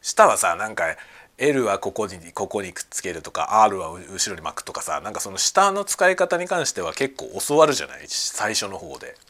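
A man hosting a casual podcast chat, talking excitedly at home while he cooks and eats lunch. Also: fairly low pitch, normal speed. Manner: excited, talkative. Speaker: podcast host. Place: at home, cooking and eating lunch.

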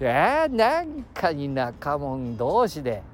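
A man's voice: on the high side, huge pitch swings, takes it slowly, a little hiss or hum. Rambling man in his sixties with a Nagoya dialect. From Aichi, Japan. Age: 60s. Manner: rambling, jumps between topics, chuckles often. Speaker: podcast host. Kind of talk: casual solo chat. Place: outdoors by the seashore.

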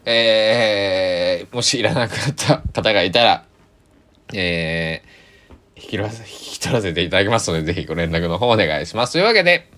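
A man's voice: fairly low pitch, animated, moderate pace, a bit bright. A man, hosting a casual solo podcast in a chatty, rambling way that keeps correcting itself. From Kochi, Japan. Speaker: podcast host.

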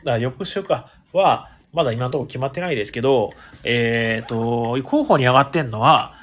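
Hoarse man chatting on a live stream. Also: medium pitch, moderate pace, a bit bright. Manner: rambling and chatty, many fillers, talks to himself. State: hoarse, losing his voice. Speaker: live audio stream host, board game venue owner. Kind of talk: casual live-stream chat, reading listener comments.

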